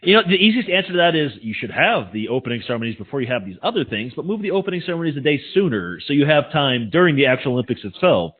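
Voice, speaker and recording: Quick, joking American podcast co-host. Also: male voice, fairly high pitch, sing-song. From United States. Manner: joking, blunt, swears casually. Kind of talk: casual chat. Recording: tinny phone-like sound.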